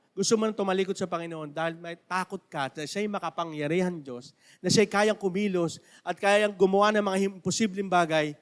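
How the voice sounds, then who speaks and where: High-voiced man preaching a sermon. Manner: animated storytelling with rising shouts. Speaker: pastor.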